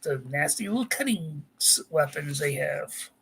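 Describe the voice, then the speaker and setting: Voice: medium pitch, lively intonation, a little slow, creaky, a bit bright, a little hiss or hum, rough recording. An amateur author casually reading their own sci-fi story aloud, often stopping to correct themselves and add chatty asides.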